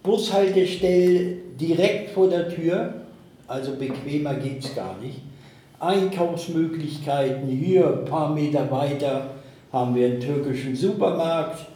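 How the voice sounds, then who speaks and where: A man in his sixties, a resident chatting in a group conversation, slow and deliberate. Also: fairly high pitch, dark tone. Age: 60s. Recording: echoey room.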